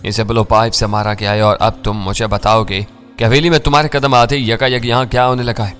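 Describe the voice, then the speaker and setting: A man voicing a menacing crime boss who speaks in a cold, low, quiet tone. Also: flat delivery, soft background music, lightly acted. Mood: coldly menacing.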